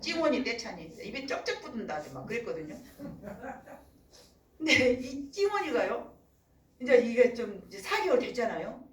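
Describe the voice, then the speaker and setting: A woman's voice: on the high side, normal speed, pauses often, slight background noise. Middle-aged lady preaching, voice jumps all over, echoey and kinda far from the mic. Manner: animated storytelling, acts out voices. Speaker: pastor. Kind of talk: sermon. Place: church.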